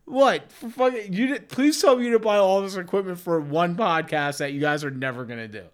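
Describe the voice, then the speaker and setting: Brisk and high-sitting, this forties-aged comedy podcast host's voice carries a profane, rambling, casual chat.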